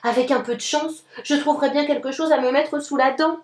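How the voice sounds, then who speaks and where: A hungry young wolf with a soft heart grumbles through a storybook, as a woman reads him out. The voice rings in an echoey room. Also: sits high, fairly even intonation, fairly quick, close to an everyday voice. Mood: eager.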